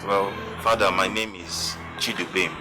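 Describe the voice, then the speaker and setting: A man with a Nigerian accent playing a remorseful young man who haltingly confesses to a priest, over loud music. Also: deep voice, fairly even intonation. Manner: halting, earnest.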